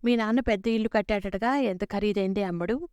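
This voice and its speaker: A nosy older village woman who pries without tact, asking one blunt question after another, voiced by a woman reading the story aloud. The voice is smooth and clear. The sound is close and dry, with no room around it. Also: mid-range voice, fairly quick, no room sound, lightly acted. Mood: prying, blunt. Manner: prying, loud and blunt.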